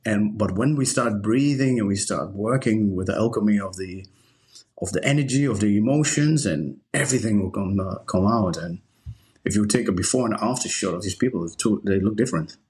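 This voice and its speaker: A Dutch-born man with a somewhat low voice talks earnestly about breathwork in a relaxed podcast conversation. He trips over his words and restarts his sentences often, while he carries on with a sincere, steady conviction. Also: fairly quick. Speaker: guest, breathwork instructor.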